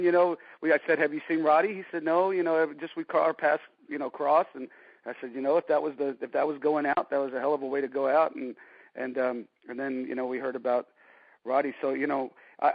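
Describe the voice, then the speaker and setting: A fast-talking man in his forties with a fairly high, fairly even voice rambles through anecdotes as a casual interview guest, leaning heavily on "you know". The line is dry and dull lo-fi, with no room sound.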